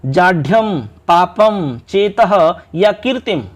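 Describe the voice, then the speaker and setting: A male Sanskrit tutor with a fairly high voice explains exam questions in a quick, friendly way. He talks straight to his students, calls them friends, and slows down to count syllables and stress each right answer. It sounds like a casual online coaching class. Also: animated. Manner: brisk, chatty teacher addressing students as friends. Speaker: Sanskrit teacher. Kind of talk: exam-prep online lesson.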